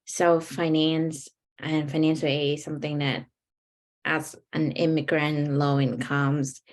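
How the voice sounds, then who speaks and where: A young woman with a Vietnamese accent, answering as a panelist with earnest storytelling and frequent ums. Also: low-pitched.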